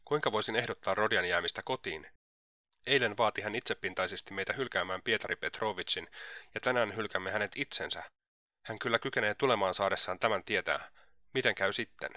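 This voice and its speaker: A man's voice: on the low side, sharp tone, no echo, studio quality. A man reading a fretful aging mother. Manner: fretful, pleading.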